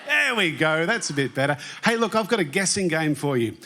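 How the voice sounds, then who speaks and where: A man's voice: on the high side, lively intonation, fast talker, a bit bright. A man giving a jokey, chatty talk on a conference stage and quizzing the live audience. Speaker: conference presenter.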